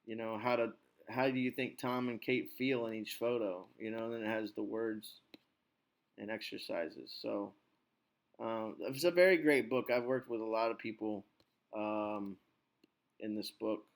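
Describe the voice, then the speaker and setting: A man hosting his podcast as an English teacher, talking in a relaxed, reassuring, rambling way. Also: fairly low pitch, unhurried, creaky. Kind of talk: casual chat.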